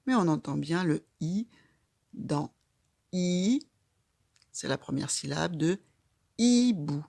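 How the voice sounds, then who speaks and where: A woman teaches handwriting to a child, calmly and patiently guiding each stroke in a slow, step-by-step lesson. Her low voice is slow with vocal fry, and the clean studio sound has no echo.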